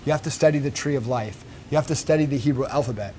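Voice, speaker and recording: A man quoting a gentle feminine plant spirit in his own voice, soft, patient and solemn. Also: mid-range voice, fast, slight background noise, lightly acted.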